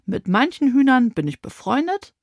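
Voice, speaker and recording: Brief: proud talkative hen from a children's audio story, voiced lightly by a woman narrator, matter-of-fact and a touch higher. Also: very animated, normal speed, no room sound, studio quality, exaggerated voice. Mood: explaining. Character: proud chatty adult hen.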